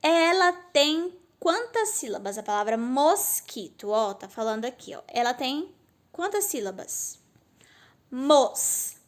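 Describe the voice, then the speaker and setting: A woman's voice: high voice, very animated, measured pace. A female teacher giving a recorded lesson, patiently explaining step by step and answering her own questions. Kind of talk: recorded remote class lesson.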